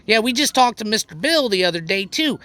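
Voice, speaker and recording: A woman's voice: on the high side, lively intonation, brisk, fairly bright tone. A woman hosting an educational farm video, eager and playful with exclamations. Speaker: host.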